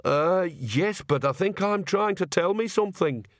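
A man doing a frightened young woman witch who speaks nervously and hesitantly. The voice is pitched well above a plain male voice and is recorded dry and close, with no room sound. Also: animated, measured pace, dry recording.

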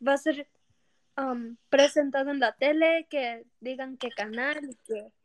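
A woman hosts a casual Spanglish podcast in a high voice. She talks slowly and hesitantly, restarting phrases. The recording is close and dry. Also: dry recording. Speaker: podcast host.

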